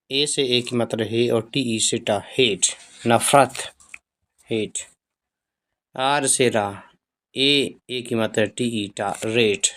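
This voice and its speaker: A man with a Hindi accent gives a phonics lesson at a very slow pace. He spells each word out letter by letter and repeats it patiently with its meaning. His voice sits at an ordinary middle pitch. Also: a bit bright. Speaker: English teacher.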